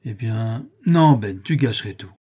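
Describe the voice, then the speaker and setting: A man's voice: fairly low pitch, lively intonation, a little slow, warm tone, husky. A man voicing a cunning boy who talks in a coaxing, mock-casual way in an audiobook reading. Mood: sly. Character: cunning boy, sly and nonchalant.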